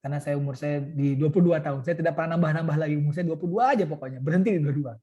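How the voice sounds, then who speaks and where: Man, webinar guest speaker, mellow tone, fairly high voice, joking, filler-heavy. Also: racing, muffled recording. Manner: casual, joking, many fillers. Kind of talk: webinar talk.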